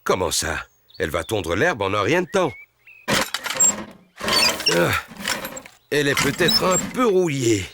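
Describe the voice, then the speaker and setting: A man's voice: medium pitch, big pitch swings, takes it slowly, long pauses, very noisy. A man voicing a cheerful, confident, easygoing father pig in a children's cartoon. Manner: jolly, self-assured. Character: cheerful, confident daddy pig, middle-aged, stubborn and easygoing. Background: music.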